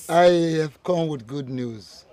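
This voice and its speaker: A man's voice: mid-range voice, mellow. An actor playing a proud middle-aged village chief in a film drama, a man with an emphatic Nigerian-accented delivery. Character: proud, jovial village chief, father of a grown son.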